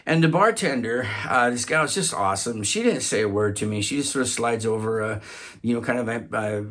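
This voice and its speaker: A man in the middle of his range tells a personal story in an unhurried way. He stops often, repeats words and starts phrases over as he gathers his thoughts. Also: mid-range voice, lively intonation, a bit bright. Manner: halting, with frequent repeats and restarts.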